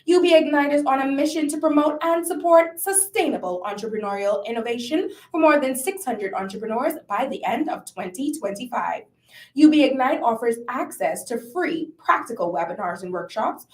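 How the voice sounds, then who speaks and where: A woman's voice: high voice, lively intonation, normal speed. A woman announcer reading scripted promotional announcements in an upbeat, enunciated way. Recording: echoey room.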